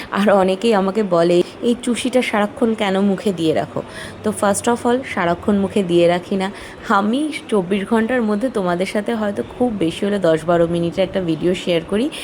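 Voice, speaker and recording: A young woman with a West Bengal accent, a mother vlogger talking quietly and explaining things to her viewers. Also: medium pitch. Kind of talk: hushed casual vlog talk. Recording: clear background noise.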